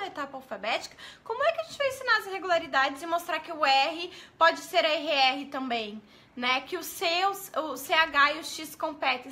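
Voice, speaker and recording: This Brazilian-accented woman speaks in a very high, sharp voice while teaching a live online lesson for teachers. She quizzes her audience, welcomes people by name, and enunciates each letter slowly when spelling.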